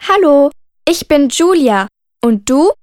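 A woman plays a friendly schoolgirl in a language-course listening dialogue. The voice sits high and the lines come slowly and with clear articulation. It is a dry, close studio recording. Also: animated, a little mellow, no room sound. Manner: slow, careful, clearly spoken.

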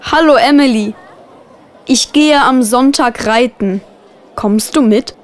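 A woman's voice: on the high side, takes it slowly, a faint crowd. A woman voicing a cheerful girl inviting a friend in a textbook listening dialogue.

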